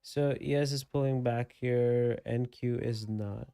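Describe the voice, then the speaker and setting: A man's voice: mid-range voice, fairly even intonation, unhurried, creaky, mellow, smooth, dry recording, clean studio sound. A man hosting a live trading stream from a desk microphone and webcam, thinking aloud about the market in an easygoing, chatty way. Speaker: livestream trading host. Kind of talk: casual live market commentary.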